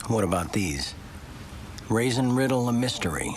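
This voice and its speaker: An actor playing an earnest, heartbroken dog detective in an animated film, with a weary, brooding delivery. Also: male voice, mid-range voice, moderate pace, noisy background, lightly acted. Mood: grieving, defeated. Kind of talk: animated film character acting. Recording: film music under voice.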